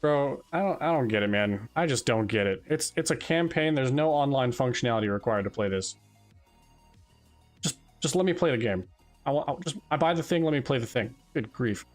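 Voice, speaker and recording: A man's voice: medium pitch, expressive, a little fast. Young guy streaming, rambly and exasperated, lil bit of music behind him. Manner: exasperated, storytelling with frequent restarts and laughter. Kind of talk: casual chat while live streaming.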